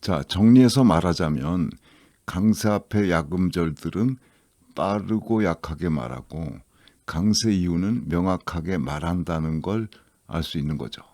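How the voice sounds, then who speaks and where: A man teaching English listening in a lecture, explaining rules slowly and reading English examples aloud. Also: sits low, expressive, a little mellow, dry recording, studio quality. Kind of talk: scripted lecture narration.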